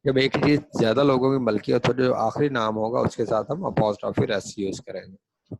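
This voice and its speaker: Gravelly, husky male grammar teacher. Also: mid-range voice, no echo. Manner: explains in Hindi, reads English examples slowly. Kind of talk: classroom grammar lesson.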